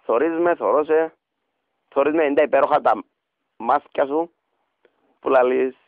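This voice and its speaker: A man in a mid-range voice makes a prank call on the radio in a Cypriot Greek accent, begging and rambling dramatically while cooing pet names. The recording is dry and dull, typical of radio.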